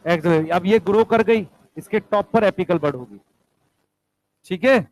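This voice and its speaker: High-voiced man teaching a class. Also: unhurried, low-quality recording. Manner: explains step by step, asks the class questions; addresses students as beta and bhai. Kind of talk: classroom lecture.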